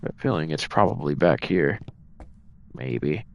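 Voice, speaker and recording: A man streams a ghost-hunting game live, casually thinking aloud and explaining his moves to the chat. His voice is on the low side, animated but unhurried. The sound is lo-fi.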